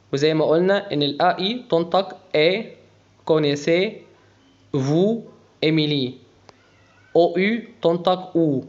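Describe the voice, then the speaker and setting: A man's voice: on the high side, dull audio. A man with an Egyptian Arabic accent teaching a beginner French lesson, breaking words down sound by sound. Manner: slow, spells out pronunciation letter by letter.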